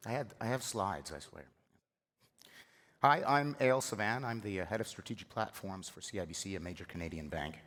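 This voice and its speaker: A hoarse man with a lowish voice gives a lively, joking keynote from a conference stage. His talk is conversational and energetic. The sound carries the long reverb of a big hall. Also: a little fast. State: hoarse from the flu. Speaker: conference speaker. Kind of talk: keynote presentation.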